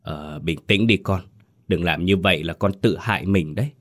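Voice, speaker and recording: A man voicing an older mother-in-law who consoles softly. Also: fairly low pitch, expressive, moderate pace, lightly acted. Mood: soothing. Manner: soft, consoling.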